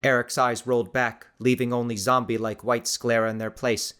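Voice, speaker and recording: A man narrating an audiobook in a steady, measured storytelling voice. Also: mid-range voice, clean tone. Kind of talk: scripted narration.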